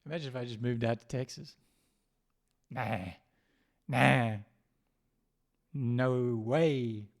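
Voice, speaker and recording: A man's voice: mid-range voice, fairly even intonation, takes it slowly, vocal fry, long pauses. A man hosting a livestream, chatting casually and rambling between jokes. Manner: rambling, joking, laughs often. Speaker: livestream host.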